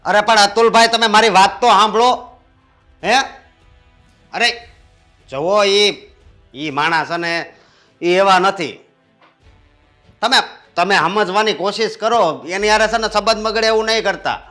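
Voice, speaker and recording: A stern, lecturing elder brother-in-law, high bright voice, faint music behind. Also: male voice, unhurried, pauses often. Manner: stern, lecturing, rustic speech. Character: elder brother-in-law scolding a rude sister-in-law.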